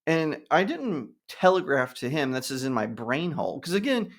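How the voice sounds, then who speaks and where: A man talking casually to camera, giving his opinions on films and telling an anecdote in an animated way. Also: fairly high pitch, normal speed. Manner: animated storytelling, acts out other people with a raised voice. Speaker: YouTube commentator.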